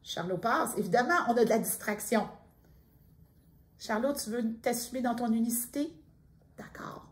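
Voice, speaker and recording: Soft-spoken Québécois woman reading cards. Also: a little high, moderate pace. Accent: Quebec French. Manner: soft-spoken, intimate, addresses listener directly. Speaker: tarot card reader. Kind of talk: spiritual card reading monologue.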